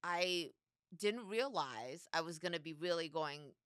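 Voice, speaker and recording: Bright-voiced woman telling wry stories. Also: lowish voice, lively intonation, unhurried, smooth, no room sound, studio quality. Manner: chatty, storytelling, wry. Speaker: podcast co-host. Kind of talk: casual chat.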